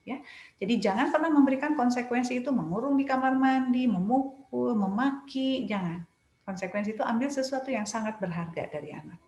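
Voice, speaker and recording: Woman, child psychologist, patient step-by-step explaining, slightly high voice, roomy echo. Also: brisk, darkish tone. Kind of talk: parenting advice talk.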